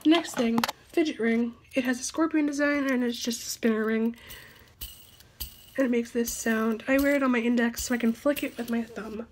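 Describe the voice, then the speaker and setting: A woman's voice: a little high, fairly even intonation, normal speed, slight background noise. A teenage girl vlogging casually, chatty and giggly, rambling as she shows off her things. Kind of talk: casual show-and-tell.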